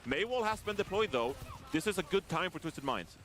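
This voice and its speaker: A man's voice: sits high, brisk, faint music behind. A man casting a professional esports match, giving analytical play-by-play and joking with his co-caster. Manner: energetic, analytical play-by-play with banter. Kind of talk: esports commentary.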